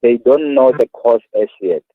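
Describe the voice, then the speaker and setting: A man's voice: medium pitch, no room sound. South African man on a tinny phone line. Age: 30s. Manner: earnest, halting, repeats words. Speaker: guest, awareness activist. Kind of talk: phone-in radio interview.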